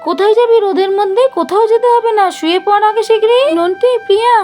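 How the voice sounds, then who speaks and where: A woman's voice: very high voice, fast, mellow. A woman voicing a tired village mother in a doll cartoon, scolding and coaxing the children to sleep. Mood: firm. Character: tired village mother, firm but tender.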